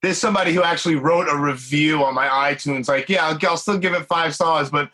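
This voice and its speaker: Bright-voiced New man, rambling. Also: fairly high pitch, brisk. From Brooklyn, New York. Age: 40s. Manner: rambling, filler-heavy, enthusiastic. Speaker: podcast host. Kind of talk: casual interview chat.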